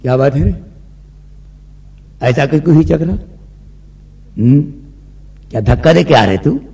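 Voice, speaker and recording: A man voicing a gruff mechanic who acts as a doctor, speaking in a low, rough drawl. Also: lively intonation, a little slow, warm tone.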